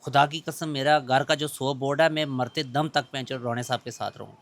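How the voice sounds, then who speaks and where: A man's voice: mid-range voice, steady tone, fairly quick. A middle-aged shopkeeper man speaking outdoors in a market lane, pleading and emphatic in a street interview.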